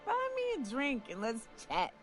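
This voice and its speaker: A woman's voice: high-pitched, wildly swooping pitch, measured pace, faint music behind, full character voice. A woman voicing a drunk, crude and folksy frontier monster hunter in a video game, rambling and stumbling over words. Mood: tipsy bargaining. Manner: boozy, rambling, drawling folksy delivery with stumbles. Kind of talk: video game dialogue acting.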